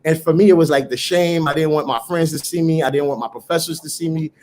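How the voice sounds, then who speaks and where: A man's voice: fairly high pitch, fast talker, a little mellow. A middle-aged man from Haiti, a startup founder telling his story in an earnest, motivational way as an interview guest. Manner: earnest, motivational, occasional repeated words. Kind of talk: conversational interview.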